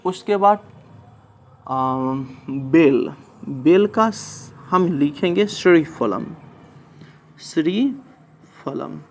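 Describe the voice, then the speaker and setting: A man's voice: on the high side, animated, a little hiss or hum. A man teaching a lesson, patiently posing questions and answering them himself. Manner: slow, patient, asks and answers his own questions. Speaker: Sanskrit teacher. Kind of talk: classroom lesson explaining translation.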